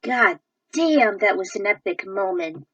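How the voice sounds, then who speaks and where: A woman's voice: medium pitch, lively intonation, unhurried, recorded from a distance, highs cut off, heavy background noise. Chatty woman reading fan fiction. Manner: enthusiastic, chatty asides between passages. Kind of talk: reading fan fiction aloud with casual asides. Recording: dry voice set back from the mic.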